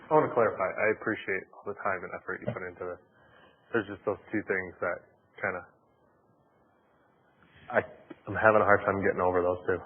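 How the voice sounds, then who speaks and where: A man's voice: low voice, steady tone. A man on a township board, speaking hesitantly with many restarts at a public meeting. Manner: hesitant, halting with repeated restarts. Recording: tinny lo-fi audio in a reverberant hall.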